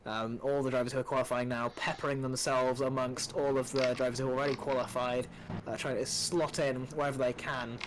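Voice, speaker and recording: A man's voice: mid-range voice, little pitch movement, fairly quick, background noise. A man commentating a live sim racing stream, chatty and promotional with many fillers. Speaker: race commentator.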